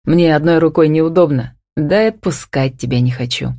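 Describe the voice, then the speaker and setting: A woman narrator voicing a gruff, domineering man who growls curt replies. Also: deep voice, normal speed, mellow, dry recording, clean studio sound.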